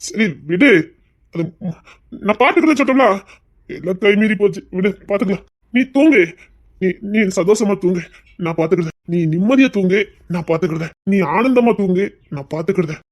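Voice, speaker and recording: A man's voice: sits high, animated, a little fast. A man teasing his wife in a casual couple chat, stalling and holding back laughter. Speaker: husband in a couple vlog.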